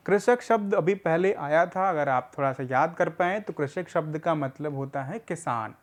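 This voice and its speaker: A man's voice: a little high, normal speed. A man teaching adults to read, spelling out words syllable by syllable, asking questions and answering them himself, and often checking in with his listeners. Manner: often checks in with "theek hai". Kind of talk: slow step-by-step reading lesson.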